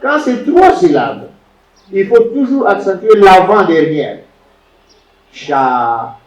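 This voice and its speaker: A man's voice: high voice, big pitch swings, a little slow. A man teaching biblical Hebrew grammar to a class, repeating words and quizzing his students as he lectures. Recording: roomy, distant, dull lo-fi classroom recording.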